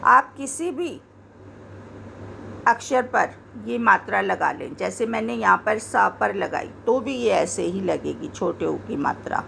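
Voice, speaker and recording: Woman, Hindi teacher, slow patient delivery, gravelly higher voice, faint hiss behind. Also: a bit bright. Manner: slow, patient, repeats words to show pronunciation. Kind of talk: explaining grammar to learners.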